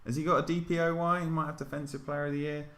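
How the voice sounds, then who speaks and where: A man's voice: a little high, flat delivery, racing, a crowd in the background. An English man co-hosting a podcast, chatty and joking, leading the conversation in casual sports chat. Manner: chatty, joking, prompts his co-host. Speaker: podcast co-host. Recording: roomy home recording.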